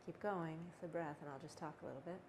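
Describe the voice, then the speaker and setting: A woman teaching a breathing exercise in a gentle, unhurried, conversational way, with pauses. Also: sits low. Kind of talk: guided breathing instruction, casual and conversational. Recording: clearly noisy background ambience.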